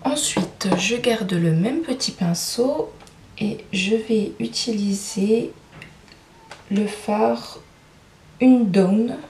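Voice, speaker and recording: Young woman, makeup tutorial, chatty, hesitant fillers, mid pitch, distant mic. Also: very slow, darkish tone, slight background noise. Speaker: beauty vlogger. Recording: roomy sound, mic at a distance.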